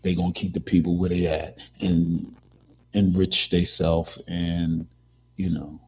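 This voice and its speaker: A man's voice: low-pitched, level tone, measured pace, a little hiss or hum. A man hosting a casual commentary talk, rambling with many restarts and fillers. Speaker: podcast host.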